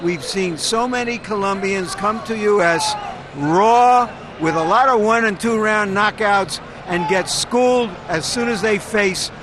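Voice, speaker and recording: A man giving analytical live boxing commentary in measured, literate phrases. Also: high-pitched, noisy background. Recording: very loud crowd and music behind.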